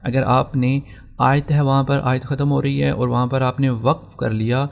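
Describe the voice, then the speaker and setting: With a flat delivery, a male Quran teacher carrying a Pakistani Urdu accent explains recitation rules patiently, step by step. His mid-pitched voice has a creaky, gravelly texture, and he goes back over every rule and moves slowly through each example.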